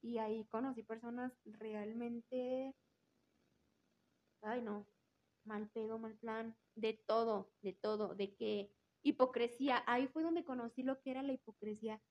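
A woman's voice: on the high side, fairly even intonation, a little slow, darkish tone, low-quality recording. A woman with a Mexican Spanish accent telling a personal story in an interview, candid and casual, swearing freely and repeating words for emphasis. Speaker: interview guest.

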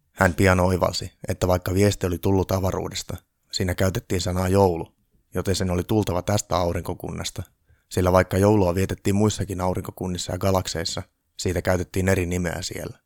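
A man reading a humorous Christmas story aloud in a dry, deadpan way. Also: low-pitched, gravelly, no echo.

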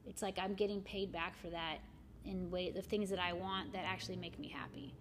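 A woman's voice: lowish voice, level tone, fairly quick, a little hiss or hum. A woman in her forties, a shop owner and arts volunteer, chatting casually as a guest and rambling with many "you know" fillers. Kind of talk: casual conversation.

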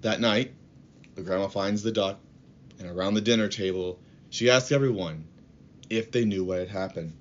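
A man preaching a podcast sermon in an earnest, measured way and telling a story to make his point. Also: on the low side, highs cut off, slight background noise.

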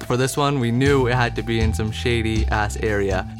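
A man's voice: medium pitch, normal speed, music in the background. A man in his twenties recounting a story in a casual interview, rambling with lots of "like" and "um". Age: 20s. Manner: rambling, frequent "like" and "um", laughs.

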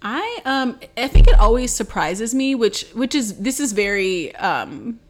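A woman's voice: on the high side, very animated, unhurried. A young woman from North Carolina chatting casually, laughing often and hedging her words. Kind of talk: casual chat.

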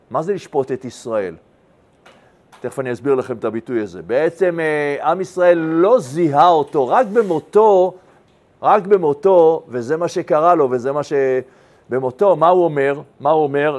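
A rabbi, a man with a high voice, teaches a Talmud lesson as a story. He shifts between raised and hushed tones and keeps checking in with his listeners by asking them questions. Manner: animated storyteller, swings between loud and hushed.

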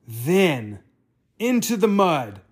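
Picture-book reader, reading aloud, gentle, expressive, husky voice, slow pace. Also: mid-range voice.

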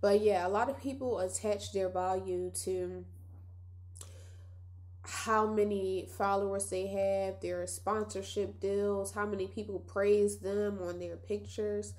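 A young woman with a nasal voice hosts a casual solo podcast, chatty and reflective, speaking directly to listeners. Her voice is medium-pitched, steady, slightly mellow, and slow.

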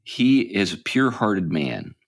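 A man's voice: low-pitched, big pitch swings, unhurried, vocal fry. A man hosting a podcast, talking casually and rambling with many ums and restarts. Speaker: podcast host. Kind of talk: casual chat.

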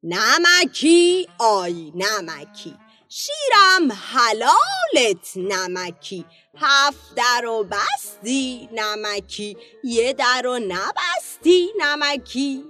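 A woman voicing a weary mother in a children's story, scolding her daughter in a slow, sing-song rhyming lament. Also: fairly high pitch, animated, soft background music, lightly acted.

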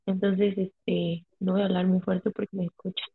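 A woman's voice: medium pitch, normal speed, gravelly, breathy edge. Slangy Mexican woman, tinny phone sound. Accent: Mexican Spanish. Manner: slangy, swearing, animated storytelling. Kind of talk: casual chat.

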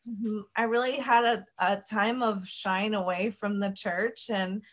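A woman's voice: mid-range voice, fairly even intonation, measured pace, muffled recording. Chatty young American woman guest. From United States. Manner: chatty, peppered with "like" and "um". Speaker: podcast guest. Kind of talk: casual conversation.

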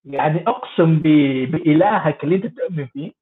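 A man's voice: a little high, fast. A man giving sarcastic, mocking political commentary in a rambling way. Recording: tinny phone-like audio.

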